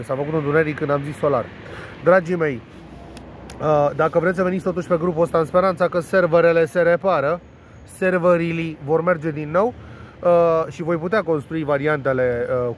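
A high-voiced man, nasal and congested with a cold, rambles through his betting picks with crude jokes, swearing and playful made-up words. He is recorded outdoors, with faint city traffic noise behind him. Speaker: sports betting tipster. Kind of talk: casual monologue presenting betting tips.

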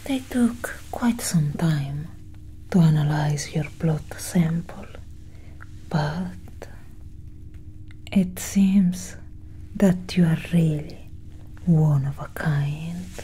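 In this ASMR roleplay, a young woman takes on the role of a composed, clinical alien scientist studying a human. She whispers breathily right at the microphone, slow and hushed and deliberate, while a low engine-like hum runs steadily underneath.

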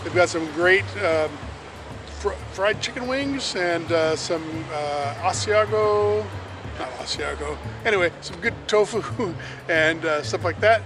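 A man's voice: high-pitched, a little slow, background noise. A man in his fifties chatting casually and hesitantly to a handheld camera as a fitness vlogger. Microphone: handheld action camera at arm's length.

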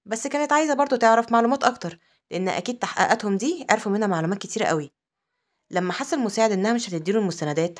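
Very fast Egyptian woman narrating. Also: medium pitch. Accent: Egyptian Arabic. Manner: rapid, breathless storytelling with asides. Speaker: story recap narrator. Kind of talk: comic-story recap narration.

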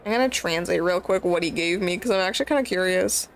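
A woman chatting through a dating game in casual let's-play commentary, excitable and crude, with playful swearing. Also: lowish voice, fast talker, a little hiss or hum. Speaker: streamer playing a dating game. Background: game music.

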